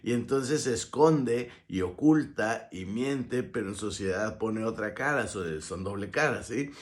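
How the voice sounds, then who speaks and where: Man, lowish voice, preachy motivational monologue, acts out quoted voices. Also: expressive, measured pace. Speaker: motivational speaker. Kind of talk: conversational monologue.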